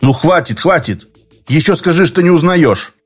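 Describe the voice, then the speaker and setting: Blunt, exasperated office worker, by a man, animated delivery. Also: on the high side, moderate pace, faint music behind, pitched above the performer's own voice. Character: frustrated, stubborn young male office worker.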